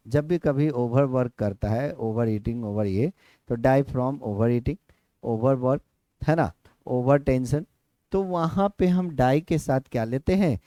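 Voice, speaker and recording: Slow, patient male tutor. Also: a little high, dark tone, dry recording, studio quality. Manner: explains slowly, repeats words, asks if clear. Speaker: teacher. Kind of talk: exam-prep lesson.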